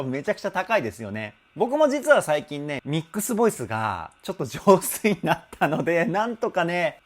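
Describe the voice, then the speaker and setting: A man working as a vocal coach, giving an enthusiastic, explanatory analysis of a song. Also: a little high. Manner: enthusiastic, explanatory, breaks into sung demonstrations. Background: faint song playing.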